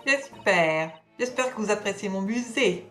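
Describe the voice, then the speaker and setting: Guy doing a mysterious old witch lady for a video game, halting and theatrical, faint music behind. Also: high voice, expressive, bright, forceful tone, exaggerated voice. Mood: mysterious, formal. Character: mysterious old witch who owns a wax museum. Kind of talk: amateur live dub of a video game.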